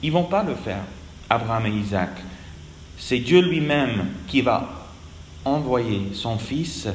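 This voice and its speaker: A man preaching a sermon in a slow, earnest manner, his voice dropping at the ends of phrases. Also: medium pitch, slight background noise. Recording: echoey hall with long reverb.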